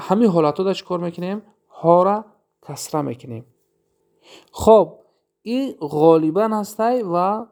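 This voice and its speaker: A man's voice: on the high side, creaky, darkish tone. A man with a Tajik accent teaching an Arabic grammar lesson, explaining step by step, asking and answering his own questions, and drawing out the Arabic examples. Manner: drawn-out chanting of Arabic examples.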